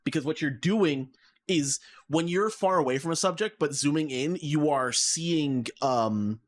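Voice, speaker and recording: A man's voice: on the high side, unhurried. A man co-hosting a casual podcast, rambling and exasperated as he rants, with lots of fillers, heard through his mic on an online call. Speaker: podcast co-host. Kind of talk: casual chat.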